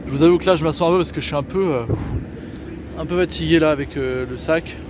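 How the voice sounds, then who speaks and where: A man's voice: on the high side, fast. A man filming a casual travel vlog, chatty and enthusiastic with many fillers, tired and sore from walking, talking outdoors in a city and indoors in a hostel. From France. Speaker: travel vlogger. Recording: street noise behind a handheld camera.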